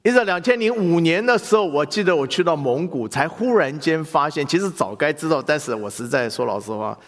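A male pastor preaching a sermon in animated style, asking the congregation questions. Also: on the high side, a little fast, in a large hall.

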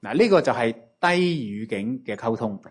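A man with a Cantonese accent preaching a sermon in short phrases, pausing for an interpreter and often opening with a drawn-out interjection. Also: mid-range voice, expressive, husky.

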